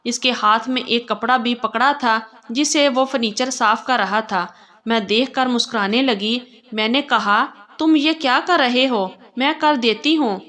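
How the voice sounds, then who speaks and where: A woman telling a first-person story in a steady, plain storytelling way. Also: a little high.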